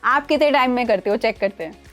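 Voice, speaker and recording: A woman's voice: on the high side, fast talker, soft background music. A woman hosting a casual show, mixing English phrases into her Hindi and running guests through games. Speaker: show host.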